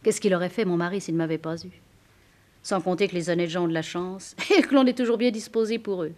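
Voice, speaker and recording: Actress as cool, ironic society wife; lowish voice, theatrical leaps in pitch, 1950s stage diction. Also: female voice, fast talker, darkish tone, natural voice. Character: worldly bourgeois Parisian wife, cool and ironic. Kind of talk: 1950s French stage acting.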